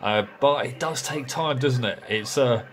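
A man with a mid-range, slightly bright voice speaks a little slowly, chatting casually and hesitantly as he narrates and operates amateur radio. The recording comes from a small indoor radio shack, with room noise and radio hiss.

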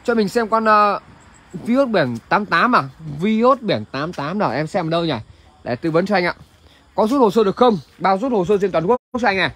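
A man with a northern Vietnamese accent pitching as a used car salesman on a livestream, chatting to viewers with repeated filler tags. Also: lively intonation, normal speed, fairly bright tone. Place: large covered open-air car lot at night. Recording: noisy outdoor car lot ambience.

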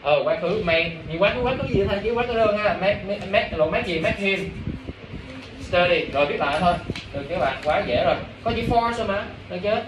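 A man's voice: sits high, brisk. A man teaching a class, coaxing students and asking again and again whether they understand. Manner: coaxing, repeatedly checks understanding. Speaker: English teacher. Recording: roomy, distant classroom recording with noise.

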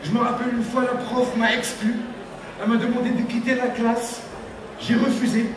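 A young man from Tunisia doing stand-up comedy on a theater stage and acting out characters with sudden pitch jumps. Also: level tone, normal speed. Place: large theater stage with live audience. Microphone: handheld mic, filmed from the audience. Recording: echoey hall from far off, crowd noise.

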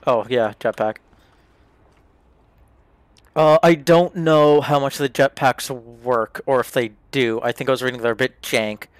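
Brief: laid-back male player, unhurried delivery, dry sound, casual swearing. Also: medium pitch, clean tone, no echo. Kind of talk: casual gaming voice chat.

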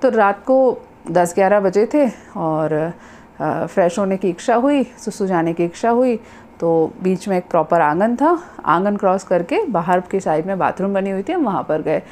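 A woman doctor telling a personal story in a casual monologue, her voice rising high and loud at dramatic moments. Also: expressive, moderate pace, slight background noise. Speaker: doctor sharing personal experience.

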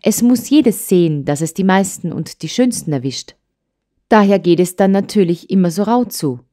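A woman's voice: medium pitch, normal speed, pitched above the performer's own voice, natural voice. A woman voicing a hot-tempered, stubborn young girl in an audiobook, talking in eager, pleading outbursts. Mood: defiant. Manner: excited, pleading, tearful outbursts. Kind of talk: audiobook character voice.

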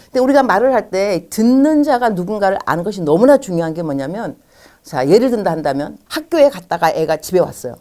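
Lively woman giving a teaching talk. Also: mid-range voice, fast. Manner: animated, acts out quoted dialogue in shifting voices. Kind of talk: lecture-style talk.

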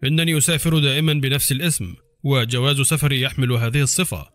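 A man's voice: medium pitch, fairly even intonation, fast talker, a bit bright, no room sound, faint music behind, natural voice. A man voicing a hardened male intelligence officer in an audiobook, speaking curtly and coolly. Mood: cold dry. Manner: curt, cool delivery. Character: hardened male spy, dry and cold.

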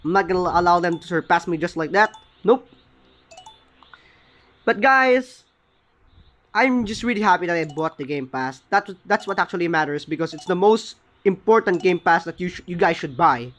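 A man giving casual, excited gameplay commentary, often stopping to correct his own words. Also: high voice, moderate pace. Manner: excited, often corrects himself mid-sentence. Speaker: gaming channel host.

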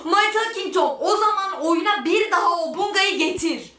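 A young woman doing excited gameplay commentary, repeating herself and squealing as she reacts. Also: very high voice, moderate pace, echoey room, heavy background noise. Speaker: gaming YouTuber. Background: loud music.

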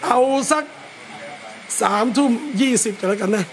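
High-voiced man giving a lively sermon. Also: moderate pace, a crowd in the background. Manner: lively, talks straight to listeners and acts out scolding parents. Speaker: Islamic religious teacher. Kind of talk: religious lecture to a gathering. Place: a private home gathering.

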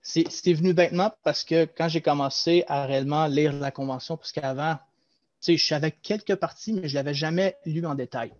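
Brisk and somewhat high in pitch, this young Québécois guest, a former loss-prevention agent, explains at length with animation and gestures during a casual video-call interview. He's in a small room at home wearing a headset. The recording is dry, with dull lo-fi call audio.

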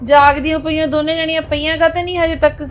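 A woman's voice: sits high, level tone, quick pace, slight background noise, natural voice. A woman playing a bossy old grandmother who nags the family to go to sleep. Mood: nagging. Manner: nagging, bossy. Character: bossy elderly grandmother running the house.

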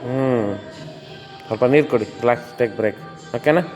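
A man's voice: medium pitch, brisk, a little mellow, lo-fi sound. A man coaching a client through a gym workout, counting reps and coaxing her on. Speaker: gym trainer. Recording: echoey room with music behind.

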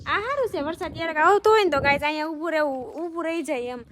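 A woman, chatting loudly and directly to her vlog viewers. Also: high-pitched, quick pace. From Gujarat, India. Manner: loud-voiced. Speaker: vlogger. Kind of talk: casual vlog narration. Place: roadside outdoors and at home.

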